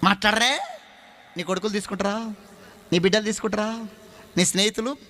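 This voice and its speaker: A man's voice: high voice, fairly even intonation, fairly quick, sharp tone. A male preacher with a Telangana Telugu accent, telling folksy stories in a sermon and questioning the congregation directly. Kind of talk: sermon with storytelling. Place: church hall.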